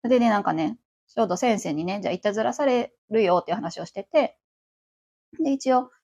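A woman's voice: medium pitch, animated, brisk, darkish tone. A woman around forty with a Kansai accent, chatting on her own as host of a livestream radio show, rambling along with many fillers. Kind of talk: casual solo chat.

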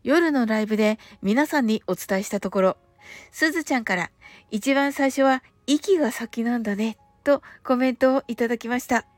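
A woman hosting a relaxed radio show, speaking politely and gently, slowing down for careful English phrases. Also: on the high side, no echo, soft background music. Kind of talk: relaxed scripted radio talk with English lessons.

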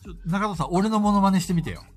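A man's voice: high voice, rapid-fire, darkish tone, faint music behind. A man hosting a casual podcast chat over an online call, teasing his guests and laughing often. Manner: teasing, laughs often, pushes others to do impressions. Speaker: podcast host.

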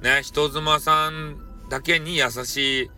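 A man's voice: a little high, fairly even intonation, slow, bright, forceful tone, soft background music. A man with a Hakata dialect hosting a solo podcast, joking around in a playful, mock-formal way. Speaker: podcast host, storyteller. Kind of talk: casual solo podcast talk.

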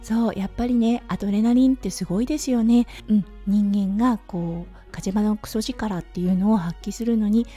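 Hoarse, husky woman with a very mellow voice. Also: mid-range voice, a little fast, hardly any pauses. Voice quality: husky, slightly raspy voice. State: hoarse from overuse, sore throat. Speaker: podcast host, anaesthetic nurse. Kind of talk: casual solo audio diary. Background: background music.

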